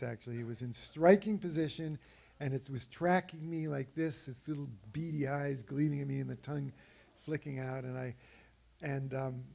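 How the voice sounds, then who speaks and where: A man walks an audience through his slides, telling stories in a relaxed, easygoing way. His voice is dark and mellow with a gravelly edge, and he often pauses on fillers and restarts his sentences. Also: medium pitch. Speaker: speaker presenting slides of an expedition. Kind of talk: illustrated talk to an audience.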